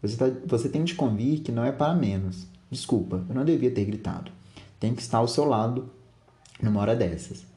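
A man voicing a short-tempered middle-aged father who shouts insults, then turns remorseful. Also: mid-range voice, animated, a little fast, roomy sound, natural voice. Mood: remorseful coaxing.

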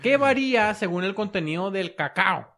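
Mexican male podcast co-host, higher voice, slangy and crude, list-reader. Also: lively intonation, moderate pace, fairly bright tone. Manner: crude joking banter, reading out a numbered list. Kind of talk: casual podcast chat.

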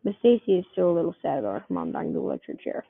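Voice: medium pitch, wildly swooping pitch, very fast, vocal fry, slightly rough, no room sound. A person reading a homemade comic story aloud, keeping the characters' voices close to their own. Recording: tinny phone-like dry recording.

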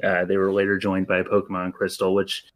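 Laid-back low-voiced podcast host. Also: male voice, monotone. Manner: laid-back, lots of ums and pauses. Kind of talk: casual podcast chat.

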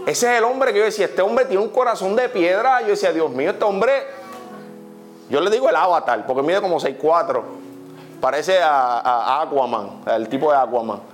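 A young man with a Puerto Rican accent preaching a testimony sermon, animated, often saying "literally" and putting questions to his listeners. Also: fairly high pitch. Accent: Puerto Rican Spanish.

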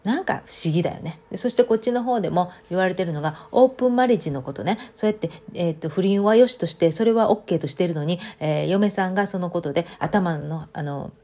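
A woman's voice: on the low side, quick pace, few pauses, warm tone. A woman with a Kansai accent talking casually and chattily to her audience, mixing standard and Kansai speech. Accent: Kansai Japanese. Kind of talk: casual monologue.

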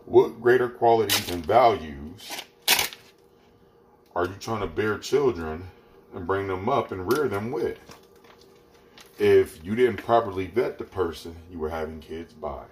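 Man, very low voice, blunt and preachy, swears a lot, solo podcast talk, faint background hiss. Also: lively intonation, measured pace, pauses often, a little mellow, low-quality recording. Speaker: podcast host. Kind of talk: casual solo monologue. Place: home kitchen, cooking dinner.

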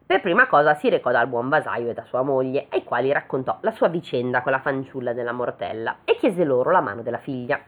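A woman's voice: a bass voice, lively intonation. A woman reading a fairy tale aloud, breaking off to make joking comments. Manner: reads slowly, then breaks off into joking comments. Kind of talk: casual read-aloud with chatty asides. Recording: tinny phone-like sound.

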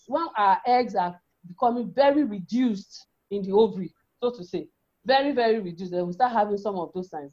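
The recording is slightly dull and lo-fi. A woman with a feminine voice of medium pitch is teaching in an explanatory style. She often restates and rephrases what she has just said, like an educator walking listeners through material. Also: darkish tone. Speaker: women's health educator. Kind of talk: explanatory health talk with a visual model. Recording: dull, lo-fi sound.

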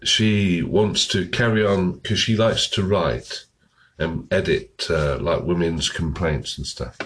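A hoarse man with a cold, chatting casually and summarizing a book, often losing his thread. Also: low-pitched, steady tone, slow, a bit bright. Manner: rambling, loses his thread and restarts. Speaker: book vlogger.

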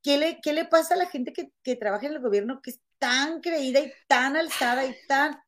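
Mexican woman, casual chatty co-host, slightly high voice, animated storyteller. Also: moderate pace, slight background noise. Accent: Mexican Spanish. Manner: animated storytelling, calls her friend comadre. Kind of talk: casual chat.

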